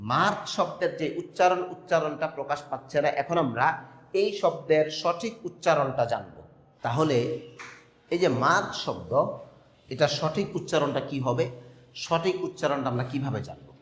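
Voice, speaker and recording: A man with a somewhat high voice gives an emphatic lesson, asking rhetorical questions and spelling out sounds one by one. His voice rings out with a long, roomy reverb, as if recorded in a large hall. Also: expressive, moderate pace. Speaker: teacher. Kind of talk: instructional talk on pronunciation. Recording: echoey room with long reverb.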